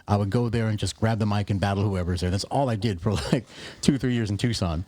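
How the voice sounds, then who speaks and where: A man's voice: on the low side, fast, a little mellow, dry recording. A middle-aged man from Arizona, a podcast guest telling stories in a loose, joking way. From Yuma, Arizona. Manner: loose, joking, storytelling with fillers. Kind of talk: casual conversation. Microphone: close studio mic.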